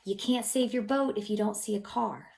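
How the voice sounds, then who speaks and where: A childcare teacher reads a picture book to little children in a mid-pitched, noticeably creaky voice, often softening into a breathy near-whisper. She is expressive and gently encouraging, pausing to ask questions about the pictures. A faint hiss or hum sits in the background.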